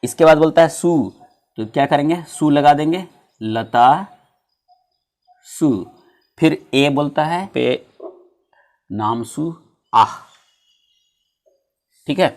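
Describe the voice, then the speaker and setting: In a classroom-style video lesson, a man teaches Sanskrit grammar, reciting word forms slowly and often pausing to check that viewers are following. His voice is on the high side and a little mellow.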